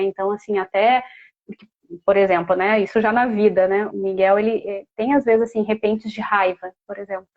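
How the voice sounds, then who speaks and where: A woman's voice: mid-range voice, lo-fi sound. A mother speaking as a guest, telling a personal story in a heartfelt, casual way with many fillers.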